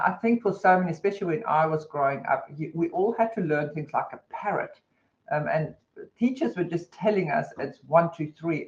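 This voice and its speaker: A woman's voice: deep voice, a little mellow. Chatty New Zealand woman presenting a webinar. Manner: chatty, conversational, many fillers. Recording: dull lo-fi webinar audio.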